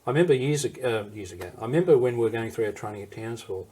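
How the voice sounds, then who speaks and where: An older Australian-accented man tells war memories in a recorded interview, rambling anecdotally, digressing, restarting and circling back. His mid-range voice is expressive and warm, and he talks at a rapid-fire pace.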